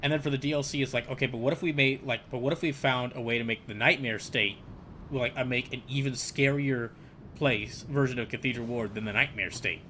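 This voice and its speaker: A male streamer commenting live on a game, his voice at a middle pitch. He rambles, restarts sentences and piles up fillers as he plays. A steady hiss of noise sits under the recording. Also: a little fast.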